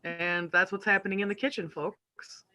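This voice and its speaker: Playful live-show co-host, high bright male voice, home video call, jokes and laughs a lot. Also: steady tone, moderate pace, soft background music. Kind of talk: casual joking chat. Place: at home, family in kitchen nearby.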